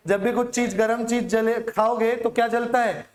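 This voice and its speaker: A man's voice: very high voice, flat delivery, normal speed, roomy sound. A male Hindi teacher giving an exam-prep lecture, drilling students by asking questions and answering them himself.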